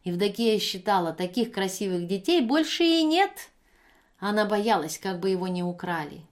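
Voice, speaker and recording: Woman audiobook narrator, measured steady delivery, mid voice. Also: mid-range voice.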